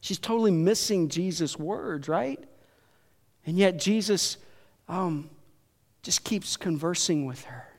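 Male preacher, chatty storytelling sermon, high voice, long hall reverb. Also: takes it slowly, pauses often, a little mellow. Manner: conversational storytelling, lots of "like" and "right?".

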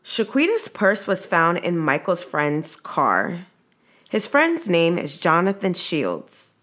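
Low-pitched woman, true crime narrator. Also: wildly swooping pitch, slow, fairly bright tone. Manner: informal, with personal asides. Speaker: true crime podcast host.

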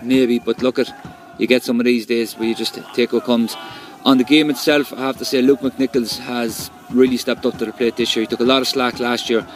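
A man's voice: mid-range voice, steady tone, a little fast, soft background music, rough recording. A man with an Irish accent gives a fluent, colloquial match reaction as a football supporter. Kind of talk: informal spoken match review.

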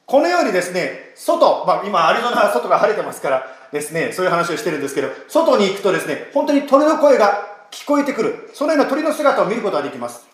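A man, a pastor, giving an emphatic, animated sermon and leading a prayer. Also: sits high, fast, hardly any pauses. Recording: echoey room.

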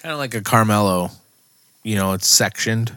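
A man's voice: on the low side, moderate pace, bright, forceful tone, clear, resonant tone, no echo. A man chatting casually on a podcast.

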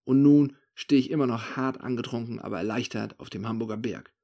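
A man's voice: medium pitch, a little fast, mellow. A man narrating a first-person story in a wry, conversational manner.

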